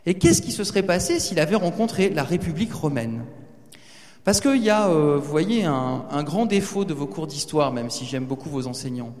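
A man giving a lively talk to students in a large hall, teasing and speaking to the audience directly. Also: fairly high pitch, normal speed. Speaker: guest speaker addressing students. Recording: reverberant hall.

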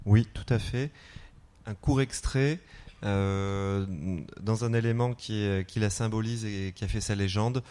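A male author introducing and reading his own excerpt in a calm, deliberate way. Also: fairly low pitch, clean tone. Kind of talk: measured literary reading.

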